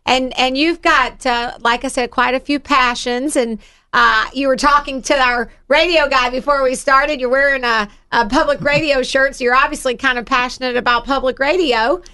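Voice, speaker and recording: A woman's voice: sits high, steady tone, normal speed, bright, forceful tone, clean tone. A woman with a Southern Alabama accent hosting an upbeat motivational interview show on the radio.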